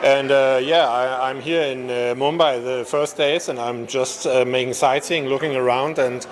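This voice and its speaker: A man, a competitor, answering interview questions in a relaxed, halting way with many fillers. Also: mid-range voice. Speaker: competition participant. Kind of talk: on-the-spot interview. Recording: crowd at an event.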